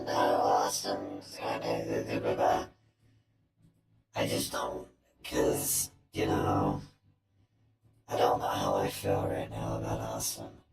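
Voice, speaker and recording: Man with a deep, gravelly cyborg voice filter. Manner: rambling, trailing off mid-thought. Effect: half-robotic cyborg voice filter. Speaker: live streamer. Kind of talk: casual chat on a live stream. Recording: echoey, loud music behind.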